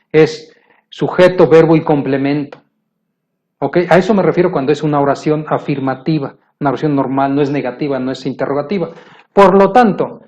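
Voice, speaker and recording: Man, English grammar teacher, slightly high voice, repeats himself, slows for examples, dull lo-fi sound. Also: a little mellow. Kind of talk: explaining grammar to viewers in Spanish.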